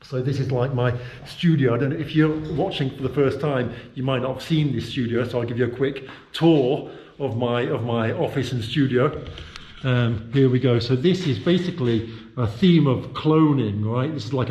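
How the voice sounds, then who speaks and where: A British vlogger from the UK gives a casual handheld-camera walking tour of his indoor office studio, rambling with lots of fillers and restarts. His medium-pitched voice is a little mellow and moves at a moderate pace. The camera mic picks up an echoey room and a little hiss or hum.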